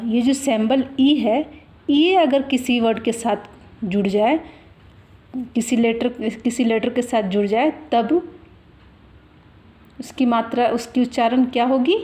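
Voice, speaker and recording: Slow, patient woman teaching children. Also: fairly high pitch, a little mellow. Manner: patient, explains slowly with examples; drawn-out vowel demonstrations. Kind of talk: children's Hindi lesson.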